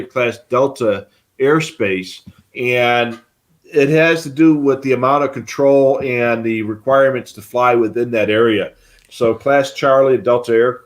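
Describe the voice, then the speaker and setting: A man co-hosting a live stream, explaining in a casual, rambling way with many fillers. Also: medium pitch. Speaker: livestream co-host.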